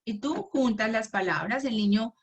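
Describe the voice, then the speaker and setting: Patient, higher-voiced woman teaching parents. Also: lively intonation, dull audio. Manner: patient, asks "¿verdad?" and "¿sí?" often; slow, clearly articulated model words. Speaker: homeschool teacher. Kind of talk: instructional talk to parents.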